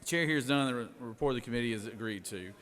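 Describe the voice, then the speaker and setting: A man chairs a legislative session in a bright, forceful voice. He recites formal procedure in an informal way, stretching some phrases. The large chamber adds long reverberation. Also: mid-range voice, fast. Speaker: legislative presiding officer. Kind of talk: formal parliamentary procedure with offhand asides. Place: large indoor Senate chamber.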